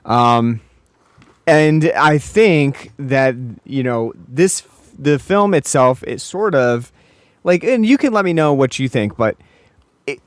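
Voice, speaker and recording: A man's voice: fairly high pitch, animated, slow pace, no echo. Rambling male podcast co-host, dry sound. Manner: rambling, many restarts and fillers. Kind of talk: casual film discussion.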